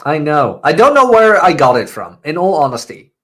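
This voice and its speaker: A Dutch man whose English sounds British, co-hosting a casual podcast in a relaxed, joking way. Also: normal speed. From Netherlands. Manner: laid-back, joking, lively pitch. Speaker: co-host.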